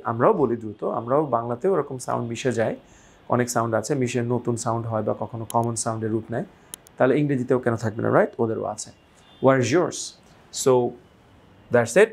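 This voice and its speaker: A man's voice: mid-range voice, darkish tone, slightly rough. A man from Bangladesh teaching English pronunciation, who stretches out the example words and often checks with "right?". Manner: drawn-out model pronunciations, frequent "right?". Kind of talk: slow explanatory lesson.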